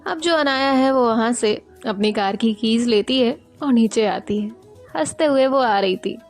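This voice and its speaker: A woman's voice: fairly high pitch, measured pace, soft background music. A woman narrating a romance story in a plain, conversational storytelling manner.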